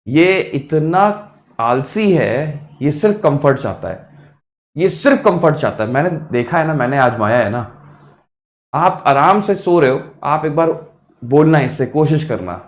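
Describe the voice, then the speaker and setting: A man teaching a live online exam-prep math class, encouraging, repeating each answer, and mixing quick calculation with motivational asides. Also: a little high, lively intonation. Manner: encouraging, repeats answers, addresses students as kids.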